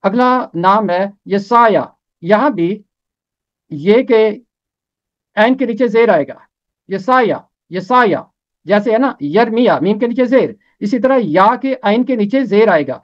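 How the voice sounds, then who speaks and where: A man's voice: high voice, expressive. Man carefully teaching pronunciation, lo-fi sound. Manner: slow, careful spelling out of diacritics and repeated names. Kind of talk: Urdu pronunciation lesson. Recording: dull lo-fi recording.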